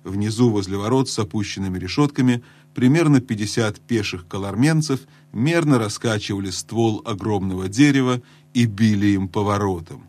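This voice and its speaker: Low-voiced man narrating a children's audiobook. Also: moderate pace, darkish tone. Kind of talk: scripted storybook narration.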